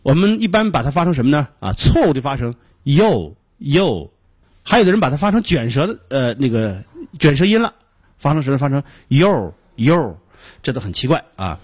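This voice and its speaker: A middle-aged man with a Beijing Mandarin accent gives a radio pronunciation lesson, explaining slowly and repeating each sound he demonstrates. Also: mid-range voice, sing-song, husky, no echo. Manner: frequent filler particles between phrases. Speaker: English pronunciation teacher.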